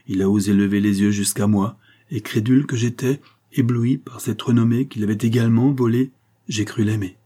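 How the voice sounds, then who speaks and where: A proud young noblewoman from a storybook, pleading with firm, anguished dignity, read by a man. The voice stays low, dark and husky, with no attempt at a higher pitch. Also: steady tone, moderate pace. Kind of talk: audiobook character reading.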